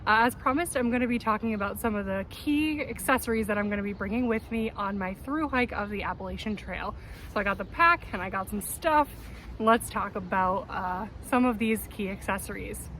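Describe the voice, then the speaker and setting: A woman's voice: mid-range voice, brisk, fairly bright tone. An upbeat woman talking casually and enthusiastically to viewers as she presents hiking gear. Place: outdoors in a windy city backyard. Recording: noisy outdoor city ambience, wind and traffic. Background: wind, vehicles, urban outdoor noise.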